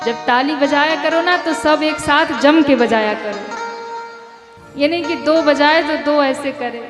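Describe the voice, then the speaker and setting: Woman preacher, devotional sermon, high voice, conversational, echoey hall, music behind. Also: takes it slowly. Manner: conversational, addresses the audience directly, lightly chiding.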